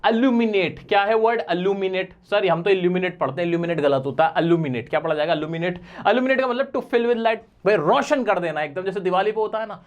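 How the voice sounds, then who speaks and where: A man's voice: high voice, animated, quick pace, hardly any pauses, muffled recording. A young man teaching vocabulary in a playful, chatty way, often asking his viewers questions. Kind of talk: energetic exam-prep lesson.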